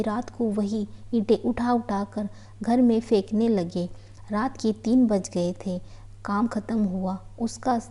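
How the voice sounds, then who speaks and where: A woman storyteller reading a family story aloud in a steady, earnest way. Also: mid-range voice. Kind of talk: read-aloud story narration.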